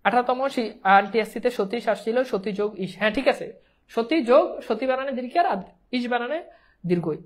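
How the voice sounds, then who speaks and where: A woman's voice: a little high, fairly quick. A woman teaching an exam-prep grammar class, often checking whether her students understand and mixing English words into her speech.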